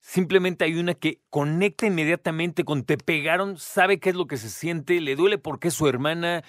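A man's voice: on the high side, moderate pace, fairly bright tone, no echo, studio quality. A middle-aged man with a Mexican accent, talking casually to the listener as a podcast host. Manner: acts out children's voices in anecdotes.

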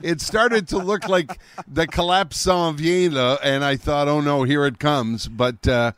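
A man hosting a radio show from a studio, chatting in a lively way, laughing often and dropping in French phrases. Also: on the high side, measured pace, clear, resonant tone, dry recording. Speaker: radio host. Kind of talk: casual radio chat. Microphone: studio microphone with headphones.

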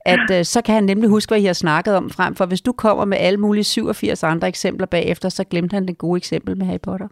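A woman chatting casually as a podcast co-host, giving steady, practical advice. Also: medium pitch, creaky, hardly any pauses, no room sound, clean studio sound. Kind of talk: casual chat.

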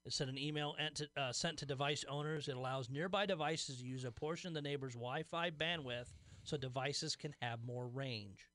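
A man's voice: mid-range voice, moderate pace, fairly bright tone, dry recording. Wry man reading tech news on radio. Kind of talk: reading and discussing news stories on talk radio.

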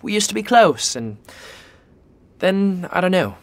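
A man's voice: sits high, very animated, a little slow, no echo, exaggerated voice. A man playing a blunt, slangy young prince. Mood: teasing. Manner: slangy, blunt, swears a lot.

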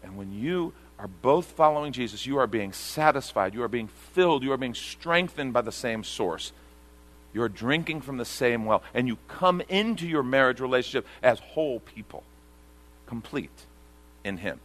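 A man delivers an earnest sermon from a church pulpit, his voice bright and forward. He reads scripture passages aloud, then drops to a hushed tone to press his point. He sounds middle-aged, speaking at an even, mid-range pitch. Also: moderate pace. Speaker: pastor. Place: church sanctuary before a congregation.

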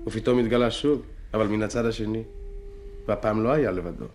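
A man's voice: on the low side, darkish tone, a little hiss or hum, natural voice. Guy doing a jumpy stammery young poet, all worked up, radio play. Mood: tense. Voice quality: stammering, indignant. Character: excitable frightened young man, flustered. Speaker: agitated poet telling his story to a doctor. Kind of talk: radio drama acting.

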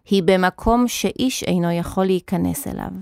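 A woman narrator voicing a kind, soothing woman who gently reassures a boy in a children's audiobook. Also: mid-range voice, vocal fry, no room sound, studio quality, natural voice. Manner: soft, reassuring. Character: kindly middle-aged woman, gently soothing.

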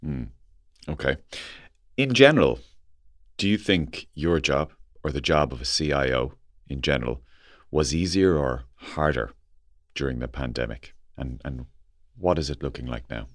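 A man's voice: very deep voice, lively intonation, moderate pace, dry recording, clean studio sound. A man hosting an interview in a casual, chatty way, with wry, teasing asides. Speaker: podcast interviewer, host.

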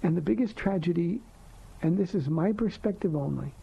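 Hosting a live call-in radio show as a pastor, a soft-spoken man answers listener questions gently, earnestly and reflectively, using slow emphatic phrases. His voice is high, expressive, creaky and husky, coming through a dull lo-fi broadcast from a radio studio.

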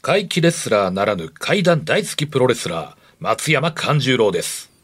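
Guy co-host on radio, super lively intonation, polite, mid pitch. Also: normal speed, breathy edge. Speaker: radio co-host, pro wrestler. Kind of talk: scripted introductions and polite reactions.

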